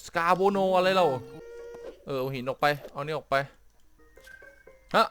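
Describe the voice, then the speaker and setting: A man's voice: a little high, a little slow, a bit bright, faint music behind. A man giving casual commentary while playing a puzzle game, often puzzled and exclaiming at what happens on screen. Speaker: gameplay streamer.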